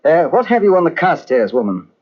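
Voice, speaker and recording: An actor playing a courteous, dogged police inspector in an old radio mystery, clipped and probing. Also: male voice, fairly high pitch, very animated, fairly quick. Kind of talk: 1950s radio drama acting. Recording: dull old radio transcription.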